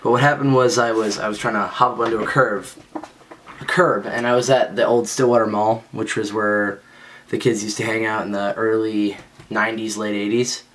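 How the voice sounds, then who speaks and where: A man's voice: on the low side, level tone, moderate pace, a bit bright, a little hiss or hum. A young man telling a story in casual speech, rambling and self-mocking, with lots of fillers. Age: young adult. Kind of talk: casual spoken anecdote.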